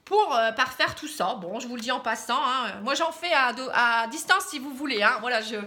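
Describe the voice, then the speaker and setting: Animated and at a moderate pace, a high, bright-voiced tarot reader from Pas-de-Calais offers a relaxed reading to camera in her northern French accent. Her tone is warm and reassuring, and "hein" punctuates nearly every phrase.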